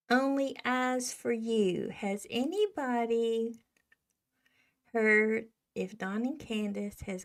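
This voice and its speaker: A woman hosting a live stream in casual chat, greeting her viewers affectionately as darling. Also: on the high side. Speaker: livestream host.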